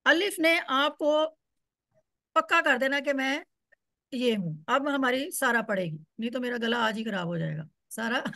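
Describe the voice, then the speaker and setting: A woman's voice: sits high, measured pace, bright, forceful tone, no echo, clean studio sound. A woman teaching a class, explaining step by step and repeating words so students can follow. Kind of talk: online Quran Arabic class.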